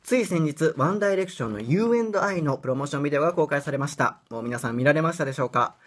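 A man's voice: fairly high pitch, expressive, very fast. A young man from Japan giving a casual pronunciation lesson, chatty and self-deprecating, breaking into bits of song. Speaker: English pronunciation teacher.

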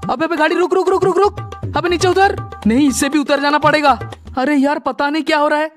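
A man's voice: extremely high pitch, level tone, quick pace, a bit bright. A man voicing a bragging but cowardly young man in a comic game video, yelping in panic. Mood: panicked. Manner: bragging then panicky, yelps in alarm. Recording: background music.

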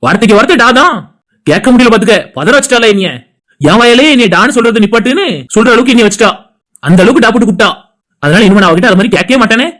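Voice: medium pitch, lively intonation, very fast, a bit bright. A performer voicing young male friends bantering in a cartoon, casual and teasing, with a Tirunelveli Tamil accent. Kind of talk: cartoon voice acting.

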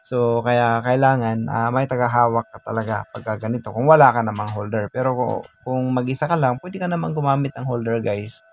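A man's voice: mid-range voice, steady tone, fairly quick, creaky. A man casually explaining a welding job outdoors, chatty and full of fillers. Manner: chatty, repeats "guys" and fillers while working. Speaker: DIY welding vlogger.

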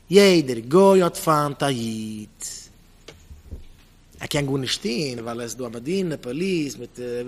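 Giving a Torah talk, this rabbi keeps repeating sharp rhetorical questions and sprinkles in English words as he preaches. His voice is a little high, with a fairly bright tone.

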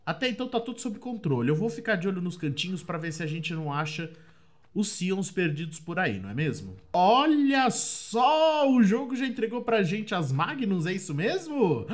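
A man with a Brazilian Portuguese accent doing let's play commentary, chatty and excitable, often breaking into shrieks of surprise. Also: on the high side. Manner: chatty, addresses viewers often. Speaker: gameplay commentator.

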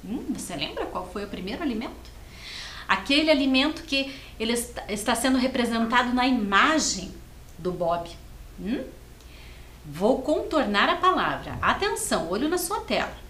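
Slow, lively woman teacher, echoey room. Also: a little high. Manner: slow, sing-song, syllable-by-syllable teaching voice. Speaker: first-grade teacher. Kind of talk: televised classroom lesson. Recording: echoey studio with faint ambience.

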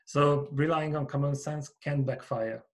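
A man in his forties from Hungary with a Hungarian accent, speaking as a guest on a podcast over a video call, earnest and measured as he explains his ideas. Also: fairly high pitch, fairly even intonation. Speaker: company founder, guest. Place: small home office with bookshelves. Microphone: over-ear headset with boom mic.

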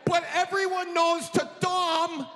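A male comedian playing a hungry, exasperated guy in an Upper Midwestern accent, loud and pleading, in a stand-up bit. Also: extremely high pitch, monotone, unhurried, voice pushed up, heavily acted. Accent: Upper Midwestern American. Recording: echoey theater, faint crowd noise.

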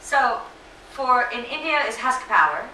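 Slightly hoarse middle-aged woman, distant and echoey. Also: fairly high pitch, big pitch swings, unhurried, sharp tone, a little hiss or hum. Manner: earnest, many fillers and self-corrections. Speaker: invited lecture speaker. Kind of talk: lecture Q&A answers. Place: lecture hall. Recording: echoey room, distant mic.

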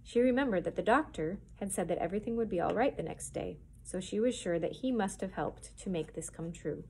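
A children's librarian reading a chapter book aloud in a clear, expressive storytelling manner. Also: female voice, medium pitch, a little fast, a little hiss or hum.

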